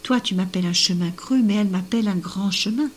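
A woman's voice: mid-range voice, a little fast, natural voice. A woman voicing a proud talking sunken path in a folk tale.

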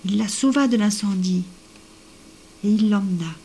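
A woman's voice: medium pitch, moderate pace, dark tone, slight background noise. Whispering woman telling a folk tale. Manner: often drops to a whisper. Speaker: storyteller.

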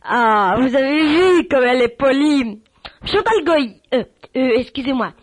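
A woman hosts an improvised mock radio show, exasperated and scolding, swearing freely and tacking "hein" onto her lines. Her voice sits high and sounds close and dry. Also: expressive, measured pace, dry recording, poor audio. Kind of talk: improvised comic radio sketch.

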